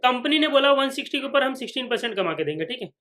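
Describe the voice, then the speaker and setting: A man's voice: very high-pitched, lively intonation, very fast, pushed and bright. A man teaching a finance lecture at a whiteboard, who repeats each point and keeps checking that the students follow. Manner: voices imagined students' questions.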